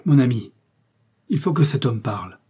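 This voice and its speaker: A man voicing an agitated young male gentleman who speaks urgently and insistently, in an audiobook reading. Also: mid-range voice, animated, normal speed, slightly rough. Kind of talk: audiobook character voice.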